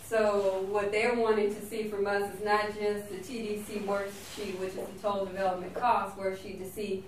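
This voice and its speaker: A woman's voice: medium pitch, flat delivery, moderate pace. A woman with a Southern Alabama drawl, explaining things as a staff member at a board meeting. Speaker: housing authority staff member. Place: indoor meeting room. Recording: echoey room, distant mic, faint noise.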